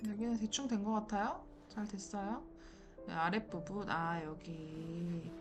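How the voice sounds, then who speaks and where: A woman's voice: mid-range voice, steady tone, measured pace, music in the background. A woman giving casual, chatty gameplay commentary and muttering to herself as she plays. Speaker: gameplay streamer.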